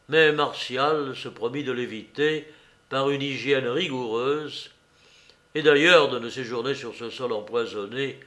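A male audiobook narrator reading a novel in a steady, measured way. His pitch sits in the middle range, and he slows and softens at the ends of phrases.

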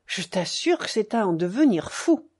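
A woman's voice: mid-range voice, big pitch swings, normal speed, a little mellow, breathy edge. A woman reading the part of a worried married man pressing his wife for money, in an audiobook. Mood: worried pleading. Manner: urgent, pleading then cold.

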